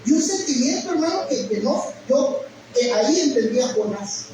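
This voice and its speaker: Pastor preaching in an echoey hall. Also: male voice, very high voice, very animated, moderate pace, dark tone. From Guatemala. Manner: emotional storytelling, addresses listeners as brother. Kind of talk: sermon testimony. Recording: echoey hall, mic at a distance, noisy.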